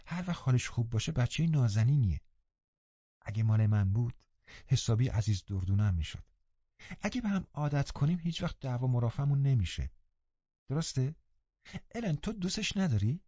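A man's voice: mid-range voice, big pitch swings, long pauses, mellow, slightly rough, no echo. A man reading an audiobook voices a headstrong teenage girl, speaking in a pleading, self-assured way. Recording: slightly dull, muffled recording.

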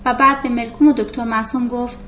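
A woman's voice: a little high, steady tone, bright, forceful tone, muffled recording, a little hiss or hum. A woman narrating a novel as a scripted audiobook reading, giving the characters' lines in her own voice.

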